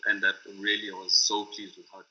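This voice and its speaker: Talking to the camera, a middle-aged music producer from South Africa reflects hesitantly and often searches for the right word. He speaks fast in a lowish, flat but bright and forceful voice, and the lo-fi recording sounds dull.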